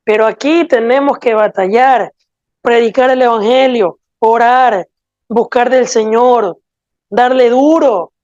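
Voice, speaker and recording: A woman's voice: on the high side, slow, darkish tone, no echo. Earnest woman preacher, lo-fi sound. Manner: earnest, pleading, asks rhetorical questions. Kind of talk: sermon. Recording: dull lo-fi dry sound.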